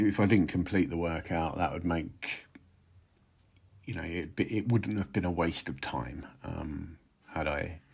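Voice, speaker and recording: A man in his forties giving casual, halting, dryly self-deprecating commentary while cycling hard on an indoor bike, talking through the exertion. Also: deep voice, gravelly, husky. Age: 40s. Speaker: cyclist vlogger.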